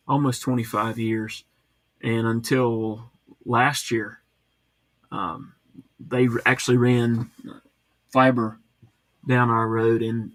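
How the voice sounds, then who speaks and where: A man's voice: mid-range voice, fairly bright tone, no echo. A man hosting a casual live chat, reading out viewer comments and rambling along with plenty of fillers and restarts from home.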